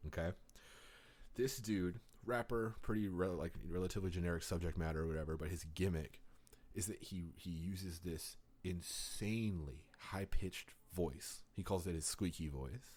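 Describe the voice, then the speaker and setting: A man co-hosting a podcast, chatting casually and rambling through stories with lots of fillers. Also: low-pitched. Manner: rambling, animated storytelling with many fillers. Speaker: podcast co-host. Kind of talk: casual chat.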